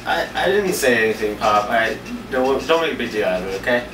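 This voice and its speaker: A man's voice: medium pitch, lively intonation, fairly quick, a bit bright, natural voice. A young man in an amateur scene playing a restless grown son who is defensive and exasperated with his father, recorded on a distant camera mic. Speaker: student actor. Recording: roomy, distant camera mic, faint hiss.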